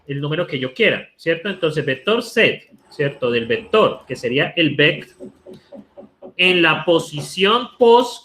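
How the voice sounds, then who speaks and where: Higher-voiced man lecturing on code. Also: sharp tone. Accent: Colombian Spanish. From Colombia. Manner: talks while typing code, asks rhetorical "¿cierto?" often. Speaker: university programming lecturer. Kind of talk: live online coding lecture.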